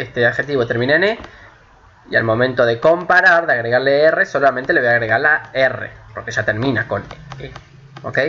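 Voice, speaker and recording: Guy teaching english grammar, patient, keeps asking ok?, slow careful english examples, kinda dull lo-fi sound w faint hiss. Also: on the high side, pushed and bright. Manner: patient, repetitive, checks understanding with frequent "ok?"; switches between Spanish and slow, carefully spoken English. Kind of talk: recorded online lesson explaining grammar.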